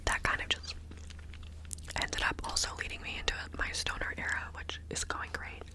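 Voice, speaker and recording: Girl whispering asmr ramble right up on the mic, ear to ear, casual and wandering, repeats words. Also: normal speed. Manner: informal, meandering, with repeated words. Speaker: ASMR video creator. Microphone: close ASMR microphone.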